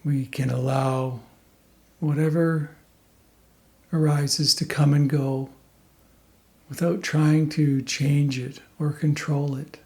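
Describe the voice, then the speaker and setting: A male meditation teacher guides the listener through a meditation in a voice slightly higher than most men's. He speaks very slowly and calmly, in short phrases separated by generous pauses.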